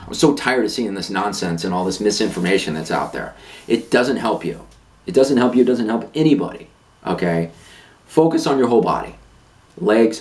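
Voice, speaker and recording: A fitness vlogger with a lowish, slightly mellow voice rants to the camera. He is blunt and emphatic, driving his points home by saying them again and again.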